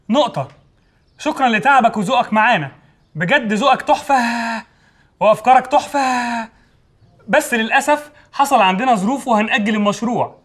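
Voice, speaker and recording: A man voicing a home AI robot that reads messages aloud in a flat, announcing way. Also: very high-pitched, heavily acted.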